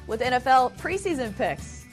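A woman's voice: high voice, big pitch swings, normal speed, music in the background. A woman hosting a sports betting talk show on the radio. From lived in Florida.

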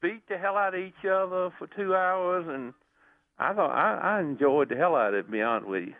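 A man's voice: sits high, animated, a little fast, no echo. A man calling in to a radio show over a phone line, chatting casually in a rambling, enthusiastic way with frequent restarts. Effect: caller heard over a phone line. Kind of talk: casual chat.

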